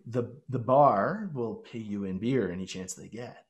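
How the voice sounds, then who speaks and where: A man's voice: lowish voice, a little slow. A man in his thirties, a fitness and lifestyle coach, giving earnest advice as a podcast guest on a video call through a headset. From Canada. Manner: earnest, coaching, talks straight to listeners. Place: small home room.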